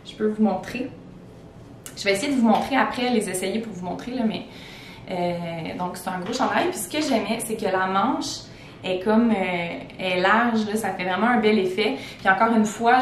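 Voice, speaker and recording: Chatty Québécois woman in an echoey room. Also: moderate pace. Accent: Québécois French. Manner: chatty, full of fillers and restarts. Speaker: teacher vlogger. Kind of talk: casual fashion haul chat. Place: indoors at home. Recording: echoey room, far from the mic, faint rumble.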